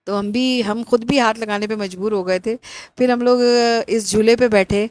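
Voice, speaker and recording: A woman's voice: a little high, fairly even intonation, darkish tone, no echo. A middle-aged woman narrating a family outing in a casual, rambling vlog with many fillers. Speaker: vlogger.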